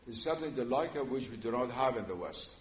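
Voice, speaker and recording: Speaking in an expressive, medium-pitched voice, an older religious lecturer from Iran with Persian as his first language addresses an audience in a hall. He's measured and earnest, pausing often with "uh," while the roomy hall carries faint noise.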